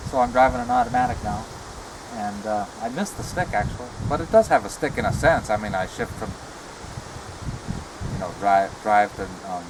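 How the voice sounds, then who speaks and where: A middle-aged man chatting casually and reflectively in a halting way, talking out of the side of his mouth. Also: mid-range voice, background noise. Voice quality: talks out of one side of the mouth. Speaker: retired comic book artist showing a car. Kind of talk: casual rambling chat. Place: outdoors beside a parked car.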